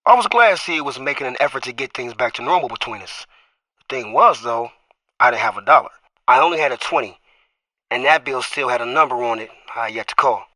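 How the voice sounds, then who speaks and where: An actor plays a young football running back who is the lead character and narrator of an audio drama, telling his own story in a reflective, wry inner monologue. His medium-pitched voice is animated, a little fast, pushed and bright, with no echo.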